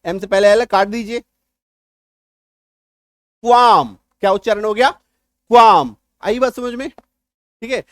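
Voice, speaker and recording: A man with a fairly high voice teaches English pronunciation to his students, spelling words out slowly and stressing the right sounds. He keeps checking that they follow with quick tag questions, and he is still getting over an illness. The sound is dry and close, with no room echo. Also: steady tone. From India. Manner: explanatory, repeats "है ना" and "ठीक है" to check understanding. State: recovering from illness. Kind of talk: spoken English lesson.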